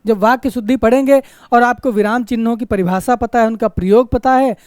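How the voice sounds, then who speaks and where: A man's voice: extremely high pitch, fairly quick, a little mellow, clean tone, no room sound, studio quality. A man teaching Hindi grammar in an online exam-prep lecture. He asks rhetorical questions, answers them himself, repeats key points and keeps checking in with his students. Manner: repeats key phrases for emphasis.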